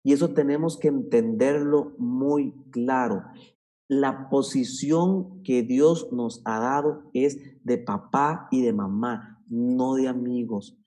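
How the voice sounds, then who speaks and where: A man's voice: mid-range voice, slow pace, dark tone. A man giving an earnest teaching talk to parents, stressing points and repeating them. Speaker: speaker on parenting.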